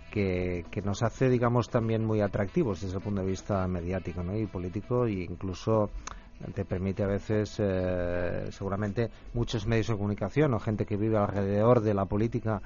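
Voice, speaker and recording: A man's voice: lowish voice, fairly even intonation, normal speed, warm tone, lo-fi sound. A man speaking as a guest expert in a radio discussion, thoughtful and hesitant.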